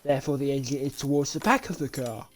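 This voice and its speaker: A young man from Britain, medium in pitch and fast, narrates a car repair game he's playing live. The talk is casual and rambling, full of restarts and laughs, and he sounds tired, yawning as he goes. A desk mic with webcam captures it with slight background noise.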